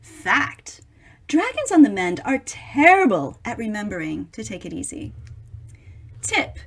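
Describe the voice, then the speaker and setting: A middle-aged woman reads a picture book aloud to young listeners, theatrically stretching words and adding chatty asides. Her fairly high voice swoops wildly in pitch, and her pace is a little slow.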